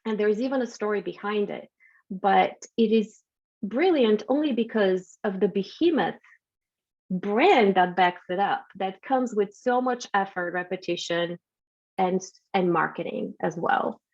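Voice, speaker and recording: A woman's voice: mid-range voice, expressive, unhurried, a little mellow. A woman from Bulgaria giving a friendly branding talk over a video call, with frequent restarts and fillers. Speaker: guest speaker. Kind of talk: branding presentation on a video meeting. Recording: dull lo-fi video call audio.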